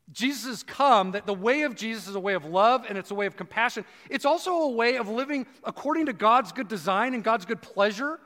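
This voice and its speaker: A man preaching a conversational sermon, dropping low and slow for emphasis. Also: a bit bright, in a large hall. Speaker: pastor.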